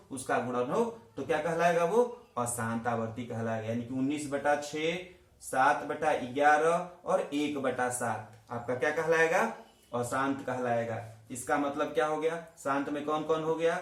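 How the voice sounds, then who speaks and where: A man from India teaching a math lesson, asking questions and answering them himself, talking straight to his students. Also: fairly high pitch. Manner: addresses students directly, repeats key terms. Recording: echoey room.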